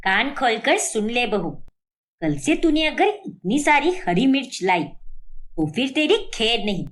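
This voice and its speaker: A stern, shrill middle-aged mother-in-law in a cartoon story, voiced by a woman. She scolds constantly, her voice rising high and swooping widely. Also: sing-song, measured pace. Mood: scolding.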